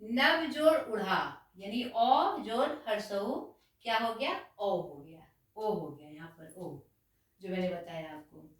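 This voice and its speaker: A woman teaching a grammar lesson to children, speaking slowly and patiently, asking questions and answering them herself. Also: mid-range voice. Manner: slow, patient, calls the students children. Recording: very echoey room, voice far from the mic.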